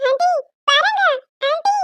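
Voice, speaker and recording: An unhurried woman with a fairly bright tone and no echo voices a small, stubborn cartoon girl. In this animated voice acting, her squeaky, very high voice pleads in a whiny, insistent way.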